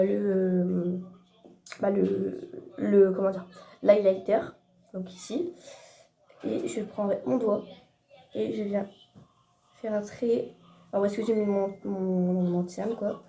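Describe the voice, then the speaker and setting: A woman's voice: medium pitch, vocal fry, mellow. Chatty teenage girl in an echoey room. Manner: chatty, hesitant, many fillers and self-corrections. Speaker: beauty vlogger. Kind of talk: casual makeup tutorial.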